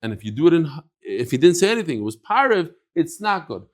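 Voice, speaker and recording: A man teaches his daily Talmud session quickly, his voice on the high side with a sing-song quality. English mingles with Aramaic and Hebrew terms as he raises and answers his own questions and plays out the people speaking in the text.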